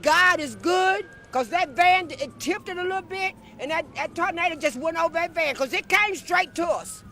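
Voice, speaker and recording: A woman's voice: extremely high pitch, expressive, moderate pace, sharp tone. A woman with a Southern American accent giving an emphatic, folksy eyewitness account in an interview. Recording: faint outdoor noise.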